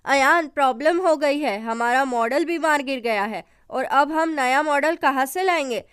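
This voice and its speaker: A panicky young male assistant from a retold drama, as a woman narrator reads his lines. He talks in a rushed, worried way, in a high voice recorded close and dry. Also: a bit bright, no echo.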